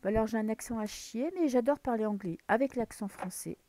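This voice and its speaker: A woman's voice: fairly high pitch, a little fast, dark tone, slight background noise. A woman from France giving a casual tarot reading to camera, thinking aloud as she draws cards and sometimes dropping to a whisper. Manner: muses aloud while drawing cards, drops into whispers. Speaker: tarot card reader.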